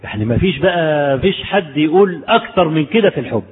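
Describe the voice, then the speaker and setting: A man's voice: on the high side, lively intonation, quick pace, slightly rough, big-room sound, phone-quality sound. A man with an Egyptian Arabic accent preaching a conversational sermon, telling stories and asking his listeners rhetorical questions. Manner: storytelling, rhetorical questions to the audience.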